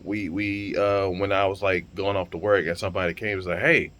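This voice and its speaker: Low-voiced man venting on camera. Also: little pitch movement, brisk, fairly bright tone. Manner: blunt and heated, swears freely, repeats words as he restarts. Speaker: vlogger and streamer. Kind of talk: casual monologue to camera.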